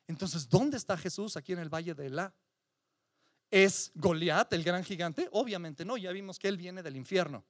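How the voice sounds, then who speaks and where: A man's voice: sits high, normal speed, no echo, studio quality. A man preaching a sermon, emphatic, with repetitions and rhetorical questions. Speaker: pastor.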